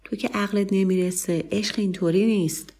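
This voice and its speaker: A woman's voice: mid-range voice, fairly even intonation, a little mellow, pitched above the performer's own voice, lightly acted. A woman voicing a condescending man who scolds his friend in a patronizing tone. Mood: scolding.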